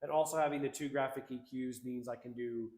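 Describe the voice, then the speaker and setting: A man's voice: medium pitch, steady tone, a little fast, darkish tone, echoey room. A man co-hosting a casual livestream, reading out chat comments in an upbeat, slangy, rambling way.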